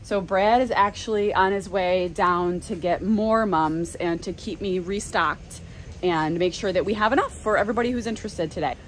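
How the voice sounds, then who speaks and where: A woman's voice: medium pitch, normal speed, slight background noise. A woman in her thirties with an American accent, chatting enthusiastically while giving a walkthrough of her greenhouse nursery. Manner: chatty and enthusiastic, many ums and restarts. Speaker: flower farmer and nursery owner. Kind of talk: casual vlog walkthrough. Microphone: handheld phone at arm's length.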